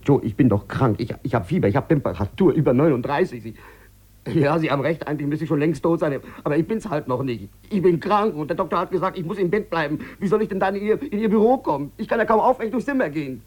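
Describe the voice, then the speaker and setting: An actor playing a desperate, sick gambler in debt, pleading and stammering on the phone in a 1950s radio play. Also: male voice, on the high side, fast, a little mellow, husky. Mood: feverish pleading. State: feverish. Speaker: lead character in a radio drama.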